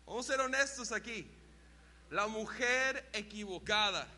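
Speaking a little slowly in a voice that sits high, this young youth pastor delivers a sermon full of stories, shouted sound effects and mimicry. The church hall echoes, and a faint hum runs underneath.

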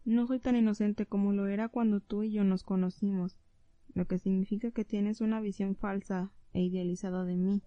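A woman voicing a tearful young woman in an audiobook, speaking in a soft, pleading way. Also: medium pitch, fairly even intonation, moderate pace, no room sound, highs cut off, natural voice.

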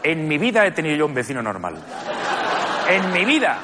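A man from Spain doing a stand-up monologue on a theatre stage, speaking in a deadpan way and acting out the people he quotes. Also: a little high, a little fast. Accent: Spanish. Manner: deadpan, lists grievances, acts out quoted people. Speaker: stand-up comedian. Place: theatre stage with live audience. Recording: stage mic with audience laughter and noise.

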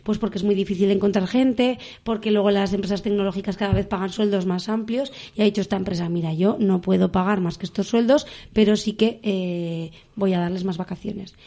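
A woman's voice: medium pitch, steady tone, fairly quick, few pauses, dark tone. A woman co-hosting a casual podcast, chatting and telling stories with amused asides. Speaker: podcast co-host. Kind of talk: casual chat.

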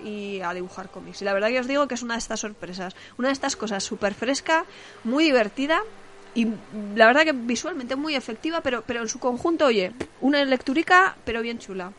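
A woman's voice: a little high, fairly quick, fairly bright tone, a little hiss or hum. A woman recommends a children's comic on a radio show in a chatty, colloquial way. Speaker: radio book reviewer. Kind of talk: enthusiastic book recommendation.

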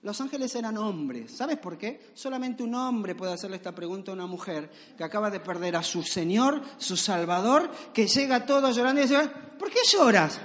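A male pastor with a very high voice preaches in a loose, storytelling way, peppering his sermon with rhetorical questions. His voice rings out with long reverb from a large hall. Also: moderate pace, few pauses, a bit bright.

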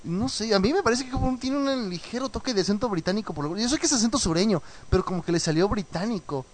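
A man hosting a radio show, chatting casually and reading listener messages with animated, mocking asides, troubled by a cough. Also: sits high, quick pace. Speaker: radio host. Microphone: studio mic with headphones.

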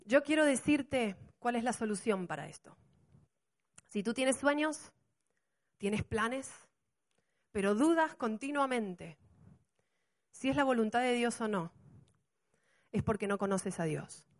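A middle-aged woman pastor, preaching an animated sermon full of rhetorical questions. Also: fairly high pitch, slow, pauses often.

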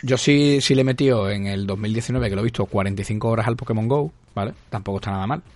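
A man's voice: on the low side, fast, dry recording. Rambling Spanish podcast co-host, man. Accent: Spain Spanish. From Spain. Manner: rambling, animated, calls his co-host "tío". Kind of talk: casual gaming podcast chat.

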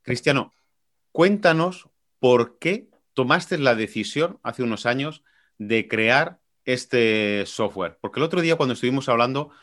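A man's voice: mid-range voice, expressive, a little slow, fairly bright tone. A man with an accent from Spain, hosting a podcast and addressing listeners as he introduces a guest. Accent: Spain Spanish. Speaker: podcast host, marketing manager.

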